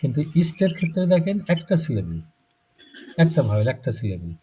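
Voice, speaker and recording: A man's voice: mid-range voice, sing-song, quick pace, warm tone, slight background noise. A man with a Bangladeshi Bengali accent teaching German pronunciation in a live class, explaining step by step and checking in with students. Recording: muffled lo-fi recording.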